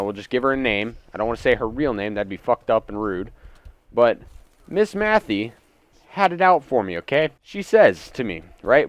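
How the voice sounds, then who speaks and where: Recorded indoors at home with no echo, a young man in his teens to young adult years uses his mid-range voice for a sweary, indignant story. It's casual story time over gameplay for his gaming channel.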